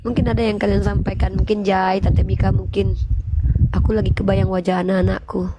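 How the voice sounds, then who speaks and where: A woman's voice: mid-range voice, little pitch movement, a little fast, heavy background noise. Emotional Indonesian mother praying aloud. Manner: emotional, pleading, prays aloud. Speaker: debate channel regular. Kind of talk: emotional prayer and chat on a live debate call.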